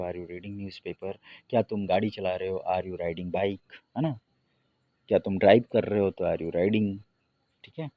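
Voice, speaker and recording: Low-voiced man teaching English grammar. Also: no echo, dull audio. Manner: explains in Hindi, reads English examples slowly and deliberately. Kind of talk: Hindi-medium grammar lesson.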